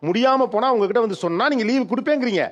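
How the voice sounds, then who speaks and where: Fast-talking man moderating a debate. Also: very high voice, muffled recording. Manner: probing, lecturing questions to guests. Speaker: host.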